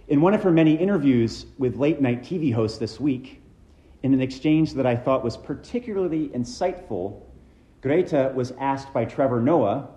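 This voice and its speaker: A man preaching a measured, reflective sermon as a minister, his phrases trailing off low at the ends. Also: dark tone, reverberant.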